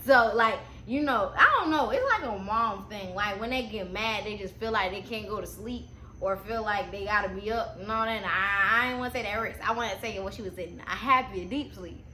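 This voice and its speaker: A woman's voice: mid-range voice, fairly quick. A young adult woman chatting casually in a slangy, easily sidetracked stoner manner as she tells a story. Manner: slangy, informal, animated asides. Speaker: storytime vlogger. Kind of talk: casual storytime chat to camera. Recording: echoey room with faint background noise.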